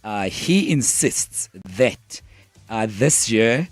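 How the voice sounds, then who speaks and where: A South African man with a croaky, hoarse frog voice, chatting casually and haltingly as a radio talk show host. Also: lowish voice, expressive, no room sound, soft background music. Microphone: close studio broadcast microphone.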